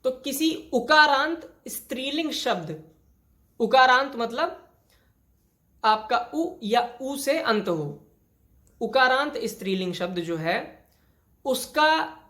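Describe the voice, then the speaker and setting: A woman's voice: fairly high pitch, expressive, takes it slowly, pauses often, a bit bright. A woman teaching a grammar lesson, explaining each rule step by step and repeating it with many examples. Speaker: Hindi teacher. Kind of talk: classroom lesson on spelling.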